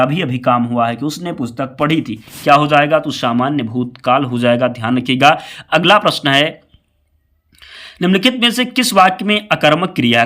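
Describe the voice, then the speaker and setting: Slightly hoarse male quiz teacher. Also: on the high side, fairly bright tone. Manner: repeats each question and answer, keeps saying "keep in mind". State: a bit hoarse with a fever. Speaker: exam-prep teacher. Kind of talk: quiz walkthrough lesson.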